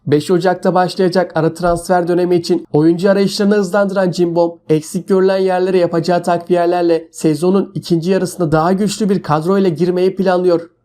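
High-pitched male sports news narrator. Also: level tone, fairly quick, few pauses, warm tone.

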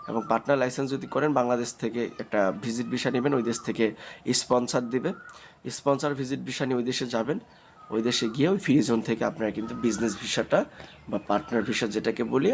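A man's voice: medium pitch, fairly quick, gravelly, slight background noise. A man with a Bangladeshi Bengali accent hosting his own vlog, explaining things to viewers in a loose, repetitive way with many "uh" fillers. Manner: rambling, repeats himself, frequent "uh" fillers; addresses viewers directly, defensive about critics. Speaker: channel host.

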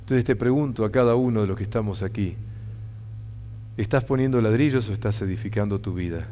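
This time the Rioplatense-accented motivational speaker has a fairly low, warm voice and talks a little fast. Earnest and emphatic, he repeats key phrases to his audience. The recording is dull, with long hall reverb and a little hiss or hum.

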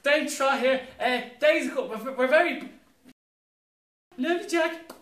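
Guy doing a shrill camp panto dame, gushy and lovestruck, way up high, echoey room. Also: unhurried, fairly bright tone, recorded from a distance. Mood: gushing, lovestruck. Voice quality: shrill falsetto. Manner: camp, gushing, theatrical.

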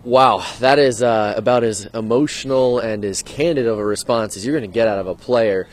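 A sports reporter in his thirties delivers a live postgame TV report from an outdoor football stadium at night, talking into a handheld mic in an earnest, questioning way. His voice is medium-pitched and his pace moderate. Faint stadium noise can be heard outdoors.

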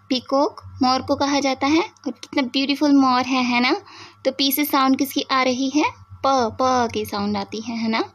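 A woman teaching the English alphabet to children, asking questions and prompting answers in drawn-out, deliberate speech. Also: on the high side. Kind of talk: slow alphabet lesson for children.

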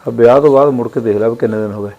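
An actor playing the brother of the house, friendly and quick to smooth over family quarrels. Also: male voice, medium pitch, dark tone, dull audio, faint music behind, lightly acted. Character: older brother of the house, hearty and placating. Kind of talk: village family drama acting.

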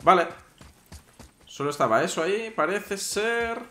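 A gameplay streamer chats with his viewers while playing a video game, offering casual let's-play commentary. His voice sits high, animated and sharp but a little slow, in a roomy recording with faint noise.

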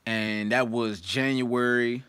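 A man's voice: mid-range voice, steady tone, takes it slowly, a bit bright, smooth, no room sound. A young man in casual vlog talk, loose and slangy, sometimes reading a book aloud with asides. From Washington, D.C. area. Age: young adult.

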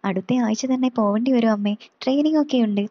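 A woman's voice: on the high side, fairly quick, dry recording, dull audio, natural voice. A woman voicing a cheerful, affectionate young man who teases his little sister fondly. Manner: teasing, fond.

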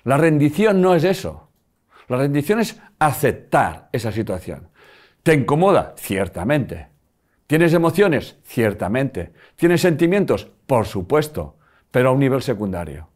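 A man's voice: medium pitch, a little slow. An older man with a Spanish accent giving a live lecture, often checking that the audience follows him. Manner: animated, asks the audience often if they follow.

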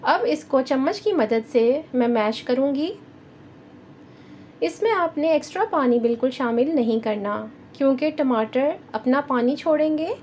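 A woman with a Pakistani Urdu accent hosting a cooking channel, giving calm step-by-step recipe instructions in a voice-over. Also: high-pitched, a little hiss or hum. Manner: calm, instructive, addresses viewers directly.

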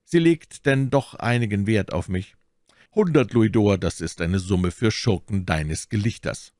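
A man's voice: fairly low pitch, expressive, a little slow, a little mellow, dry recording, studio quality. A man voicing a bold young officer who speaks in a stern, commanding way in an audiobook.

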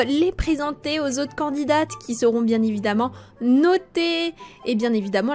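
Woman playing a high-pitched flamboyant TV fashion presenter. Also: natural voice. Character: gushy, flamboyant female TV fashion-contest presenter. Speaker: show presenter. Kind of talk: theatrical show introduction.

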